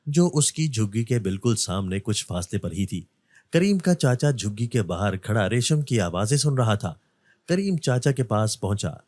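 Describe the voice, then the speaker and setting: A man narrating a story in a steady storytelling manner. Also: fairly low pitch, no room sound.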